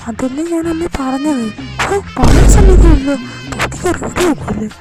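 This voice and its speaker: A woman's voice: high-pitched, animated, a little fast, over loud music, low-quality recording. A woman voicing a young man, snappy at first and then soothing, in an amateur fan audio drama. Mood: exasperated. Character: young adult man, gruff then kind.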